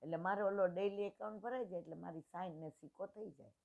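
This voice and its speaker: Older woman storyteller at a devotional gathering, lowish voice, retells dialogues in homely speech, tinny phone-like sound. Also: quick pace, creaky. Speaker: satsang speaker.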